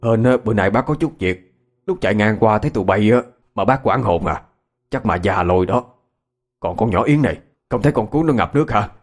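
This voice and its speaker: A man doing a calm fatherly old neighbor. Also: fairly low pitch, a little fast. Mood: soothing. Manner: soothing, folksy, reassuring. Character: older male village neighbor, calm and fatherly.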